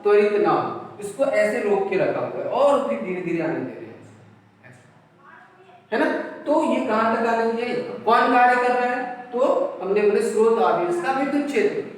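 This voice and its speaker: A physics teacher delivers a classroom lecture in a high, animated voice at a moderate pace, sounding far from the mic in a large, very echoey room with faint noise behind him. He keeps asking questions and answering them himself, repeating key terms and mixing in English words and numbers.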